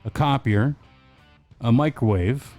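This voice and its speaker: A man's voice: medium pitch, slow, darkish tone, soft background music. A man co-hosting a casual podcast, joking and rambling, listing things off on a webcam. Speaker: podcast co-host. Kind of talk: casual chat. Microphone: webcam setup.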